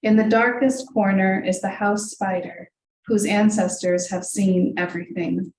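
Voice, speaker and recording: This reading takes place indoors in a library reading room, where a first-generation Hungarian-American poet, a native speaker of Hungarian, shares her poems. Her voice is medium-pitched, a little mellow and fairly even in intonation; she reads in a measured, deliberate way, then rambles through asides peppered with ums. Echo, faint hiss and a far-off voice mark the recording.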